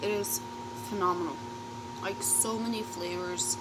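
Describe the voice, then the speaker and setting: A woman's voice: lowish voice, steady tone, unhurried, very noisy. A woman vlogger chatting casually in a rambling, sweary storytime, often trailing off and interrupting herself. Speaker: YouTube vlogger. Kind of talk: casual rambling storytime chat while eating.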